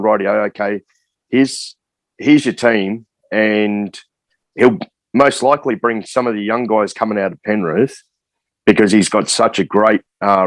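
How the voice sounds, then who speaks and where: An Australian man with a lowish voice speaks plainly and hesitantly, filling pauses with "um" as he works through his point. The sound is close and dry. He comes across as a guest talking shop on a casual podcast. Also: no echo, low-quality recording. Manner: hesitant, filler-heavy, plain-spoken. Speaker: guest coach.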